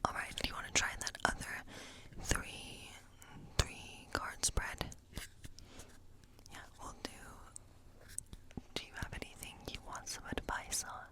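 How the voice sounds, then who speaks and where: Gentle reassurance and quiet musing fill this tarot reading, whispered breathily and unhurriedly by a woman in the role of a friendly woodland witch for an ASMR role-play.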